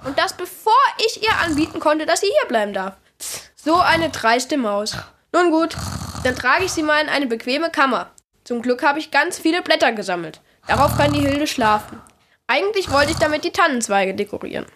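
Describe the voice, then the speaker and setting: A woman's voice: high voice, animated, moderate pace, a bit bright, a little hiss or hum. A woman voicing a grumpy but kind male mole who grumbles in a children's audio story. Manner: grumbling, exasperated.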